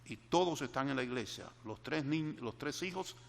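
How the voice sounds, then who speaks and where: Gravelly older male preacher, echoing hall. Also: medium pitch, expressive, normal speed. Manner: earnest, repeats key phrases for emphasis. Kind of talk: sermon meditation with personal story.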